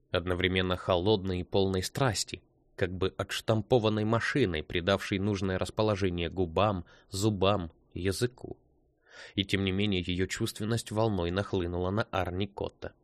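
A man narrating an audiobook in a measured, even reading. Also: low voice, dry recording.

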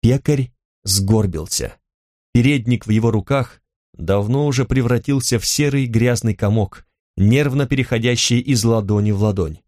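A man reading a novel aloud as narrator in a steady, measured manner. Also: mid-range voice, dry recording, studio quality. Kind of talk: audiobook narration.

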